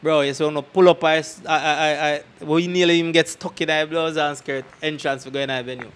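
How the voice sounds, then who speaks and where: This dancer, guesting on an interview, speaks briskly in a fairly high, slightly bright voice with fairly even intonation. His Jamaican-accented patois anecdotes about tours come casual and emphatic through a handheld microphone, and he keeps checking that the listener follows. Background noise and ambience are clearly present.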